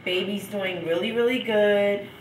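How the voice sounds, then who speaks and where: Unhurried young woman, stuffed up. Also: mid-range voice, steady tone, distant mic, a little hiss or hum. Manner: chatty and loose, laughing between thoughts. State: stuffed up with a cold. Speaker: vlogger. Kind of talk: casual video diary. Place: at home. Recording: echoey room, from off the mic.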